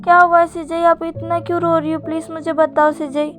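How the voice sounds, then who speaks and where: A woman's voice: extremely high pitch, fairly even intonation, moderate pace, fairly bright tone, soft background music, voice pushed up. A woman voicing an anxious young man who fires off pleading questions in a raised, fretful voice. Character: frantic young man fearing for his sister.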